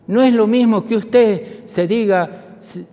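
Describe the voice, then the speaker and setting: A man's voice: high voice, slow, dark tone, soft background music. A man preaching a sermon as pastor, telling stories and repeating key phrases for emphasis. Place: church sanctuary. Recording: dull recording with long church reverb.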